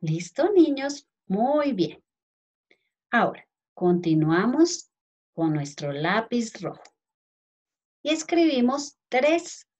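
A woman's voice: fairly high pitch, sing-song, slow, long pauses, darkish tone. A woman teacher with a Colombian accent dictating a lesson to young children word by word, spelling out letters, and calling the pupils affectionately. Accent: Colombian Spanish. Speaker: primary school teacher.

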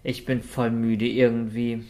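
A man's voice: mid-range voice, little pitch movement, a little slow, a little mellow, natural voice. A man voicing a polite, quacking winged island gnome in a storybook reading.

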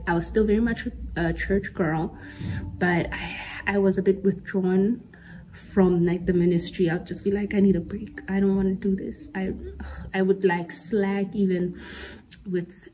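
Casting: woman in her twenties, mellow tone, candid storytelling chat with easy laughs, faint room noise. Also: fairly low pitch, rough recording. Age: 20s. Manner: candid, chatty, laughs often, mixes in Sesotho slang. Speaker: podcast host. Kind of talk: casual personal chat.

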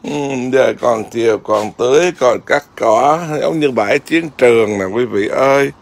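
A man's voice: medium pitch, normal speed, gravelly. A man, a Buddhist monk, chatting casually outdoors in his garden and keeps asking his viewers whether they see. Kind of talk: casual home vlog.

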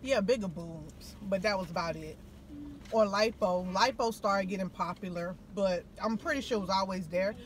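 A woman's voice: medium pitch, normal speed, a little hiss or hum. A middle-aged woman hosting a casual eat-with-me chat from inside a car, talking in a slangy, chatty way. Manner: chatty, slangy, laughing wrap-up. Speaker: host.

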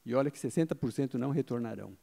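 A middle-aged man talks very fast in a gravelly, dark, medium-pitched voice. He's a marketing speaker at a conference, using a handheld mic before a live audience seated in an event hall, and he explains by questioning and answering himself, peppering his talk with "tá?"

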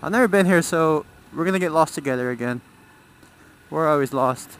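A motorcycle vlogger rides through city roads outdoors, rambling casually and thinking aloud as he goes. His man's voice sits on the high side, fairly quick and a bit bright. The recording is rough, with a little hiss or hum.

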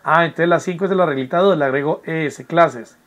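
The recording is muffled as a man with a slightly high, a bit bright voice explains an English lesson from home in an online class. Speaking a little fast, he's patient and repetitive, regularly making sure the students follow.

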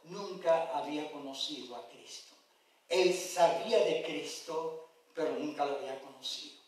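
A man's voice: high-pitched, darkish tone, heavy reverb. Pastor guy preaching hard, lots of questions to the crowd, mic far away, church rings a ton. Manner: impassioned preaching with questions to the congregation. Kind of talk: sermon. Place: church sanctuary.

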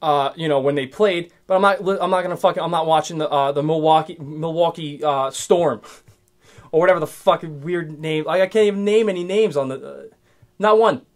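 A man's voice: a little high, fairly quick. Profane, rambling young man ranting solo. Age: 20s. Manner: profane, rambling, restarts a lot. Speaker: podcast host. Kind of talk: casual solo rant.

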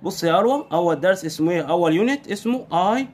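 A man with an Egyptian Arabic accent tutors his young daughter at home. He drills her patiently, prompting her with one question after another. His fairly high voice rises and falls in a lively sing-song. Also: rapid-fire, slight background noise. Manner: patient drilling with constant call-and-response questions. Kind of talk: home English lesson for a young child.

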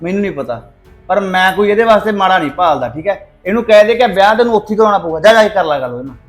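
A man's voice: high voice, expressive, rapid-fire, soft background music. An actor playing a hot-tempered young brother who harshly orders his family around to force his sister's marriage. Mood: angry. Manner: harsh, threatening, commanding. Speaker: angry brother. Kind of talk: Punjabi short-film drama.

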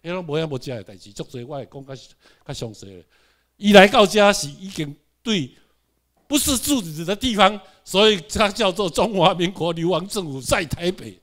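A man's voice: high-pitched, lively intonation, normal speed, a bit bright. Taiwanese man lecturing a class. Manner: rhetorical questions and checks on the audience; has the class repeat words aloud.

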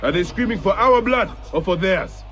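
An actor playing a stern, wary warrior in a video game, terse and grave in manner. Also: male voice, high-pitched, lively intonation, moderate pace, fairly bright tone, lo-fi sound, slight background noise. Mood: grave, questioning. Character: stern, wary male warrior, a former Medjay.

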